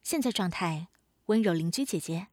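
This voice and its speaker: A woman's voice: fairly low pitch, animated, moderate pace, dry recording, clean studio sound, close to an everyday voice. A woman voicing a polite smart-speaker companion system, reading formulaic prompts like an announcement. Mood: polite, neutral.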